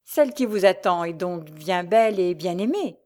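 A woman's voice: lowish voice, lively intonation, normal speed, dark tone, close to an everyday voice. A woman voicing a jealous young masked woman at a ball, asking urgent questions. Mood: anxious.

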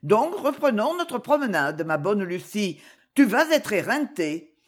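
A woman's voice: mid-range voice, big pitch swings, unhurried, slightly rough. A woman reading an audiobook voices a cheerful, shrewd husband who speaks with confidence. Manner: confident and jovial.

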